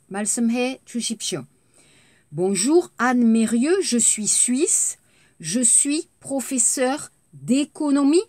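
Slow, lively French teacher drilling vocabulary. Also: female voice, fairly high pitch, no echo, studio quality. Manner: slow, clearly articulated words repeated for learners to copy; switches between French and brief Korean explanations. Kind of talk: language lesson for Korean learners.

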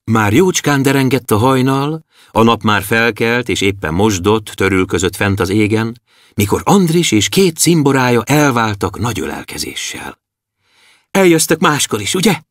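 Lively male storyteller, dry close voice. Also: on the low side, no echo. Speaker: audiobook narrator. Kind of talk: storybook narration for children. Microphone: close studio mic.

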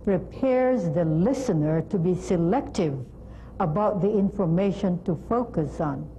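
A middle-aged woman presenting a scripted lesson in a measured, deliberate, instructional way. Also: fairly low pitch, lively intonation, warm tone, slight background noise, rough recording. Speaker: presenter of an educational program on language testing. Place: TV studio.

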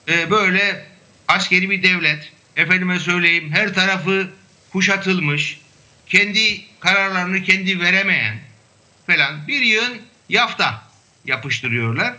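High, bright-voiced male academic guest. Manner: measured, hesitant with frequent fillers. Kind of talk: remote panel discussion.

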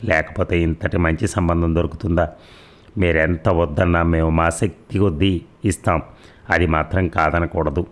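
A man's voice: sits low, fairly even intonation, normal speed. A man voicing a gracious, grateful middle-aged mother of the bride in an audio story.

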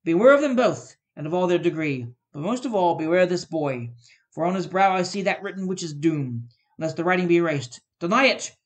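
A man reading aloud and voicing a grave, aging male ghost who issues stern, forceful warnings. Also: high-pitched, expressive, brisk.

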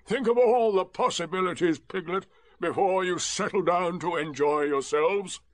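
A man voicing a gloomy, sarcastic old male donkey who speaks in dry, drawn-out remarks. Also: high voice, dry recording, pitched above the performer's own voice, lightly acted. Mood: sardonic.

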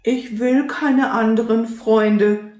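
A woman's voice: a little high, fairly even intonation, slow pace, a little mellow. A woman voicing a cheerful little plush teddy bear in an eager tone, reading a storybook aloud. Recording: roomy echo.

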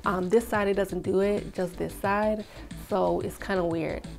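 A woman's voice: medium pitch, steady tone, a little slow, gravelly, a little mellow, soft background music. A young woman in a casual vlog, chatty and full of "like", speaking with braces on her teeth. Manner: chatty, says "freaking" and "like" a lot. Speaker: vlogger.

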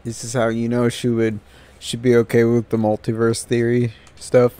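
A man's voice: medium pitch, monotone, normal speed, dark tone, clean tone. A man casually chatting and joking while playing a game on stream. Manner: laid-back, joking. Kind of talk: casual gameplay chat.

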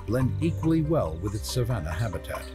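A man reading scripted nature documentary narration in a measured, descriptive manner, as the narrator of a wildlife film. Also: medium pitch, very animated. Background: music.

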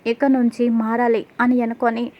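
A woman voicing a young husband thinking things over, in a steady, level reading. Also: a little high, moderate pace, highs cut off, close to an everyday voice. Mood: reflective. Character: young husband resolving to change.

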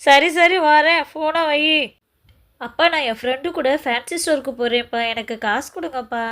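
A woman's voice: high voice, normal speed, a bit bright. A woman voicing a spoiled young girl.

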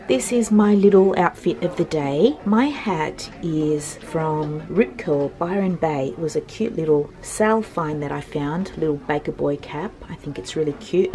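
An Australian thrift vlogger with a low voice chats softly through a casual try-on, often sinking into a gentle whisper. She films herself in a mirror using a handheld compact camera.

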